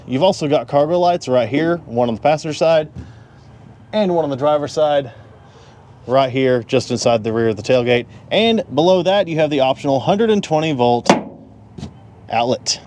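A man's voice: on the high side, a little mellow, slight background noise. A man giving a casual walkaround review of a pickup truck, talking in a folksy, conversational way as he points out features. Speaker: car reviewer. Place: in and around a pickup truck at a dealership.

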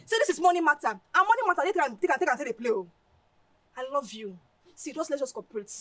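An actress with a Nigerian English accent plays a playful young woman in a film drama, pleading with her friend for money. Her high voice moves fast with lively intonation, coaxing throughout and breaking into loud laughter. The recording has no echo.

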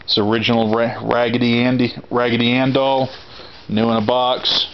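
This auction reseller vlogger, a thirtysomething Texan, speaks at normal speed with a mid-range voice and level tone. He wanders through his haul in a storage room, plainspoken and rambling with frequent restarts, and the handheld camera captures dull, noisy lo-fi sound.

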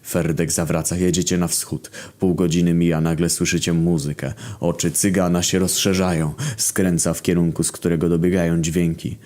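Man, very low voice, deadpan story reader, profane second-person narration. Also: normal speed, few pauses. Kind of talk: scripted narration of a crude internet story.

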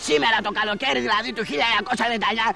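A man playing a pushy beach vendor who hawks his goods in fast patter, in a comedy sketch. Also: extremely high pitch, fairly even intonation, gravelly, sharp tone.

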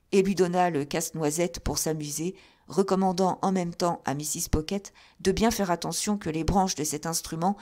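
A woman narrating an audiobook of a classic novel in an even, measured storytelling manner. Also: fairly low pitch. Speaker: audiobook reader.

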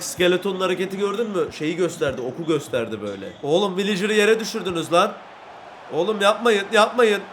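Young man, Turkish accent, high voice, lively gaming commentary, shouts at goals, slight background hiss. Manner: shouts and rises in pitch at goals, jokey running commentary. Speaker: gaming YouTuber. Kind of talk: excited gameplay commentary.

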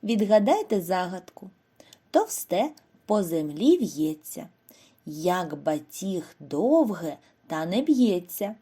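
Ukrainian woman as a primary teacher, slow and sing-song, soft mellow tone, lively pitch. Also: breathy edge. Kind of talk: scripted lesson narration for young children.

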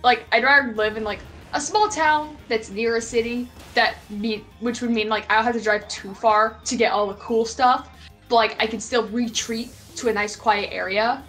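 Lady from maine rambling over a game, kinda high voice, swears a lot, laughs easy, quiet music behind. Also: fairly even intonation, moderate pace. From Maine, USA. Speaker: co-host of a gaming stream. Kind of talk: casual chat while gaming.

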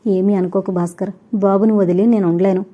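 A woman's voice: medium pitch, fairly even intonation, brisk, dull audio, close to an everyday voice. A woman voicing a weary, resigned young mother. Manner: soft, detached.

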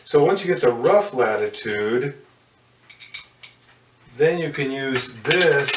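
Standing in front of a curtain indoors, an older man walks through telescope mounts with a hands-on demo, speaking in a folksy way with lots of fillers and self-corrections. His voice is mid-range, there's background noise, and the sound is roomy and a bit distant.

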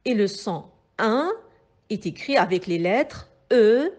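A woman teacher with a Moroccan French accent giving a slow phonics lesson to young pupils, carefully articulating and repeating each sound. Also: mid-range voice, expressive, a little mellow. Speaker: primary school teacher.

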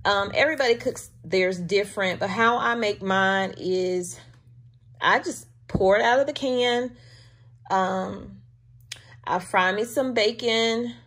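A woman's voice: medium pitch, takes it slowly, fairly bright tone. A woman chatting casually to her viewers from home, talking to them as y'all, filming with a handheld camera. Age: adult with a daughter. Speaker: vlogger showing a grocery haul. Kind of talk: casual chat.

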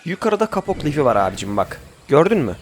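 Sing-song and fast, a young man with a voice on the high side narrates his survival gameplay casually. He chats, commands his group, and breaks into sudden outbursts, with slight background noise.

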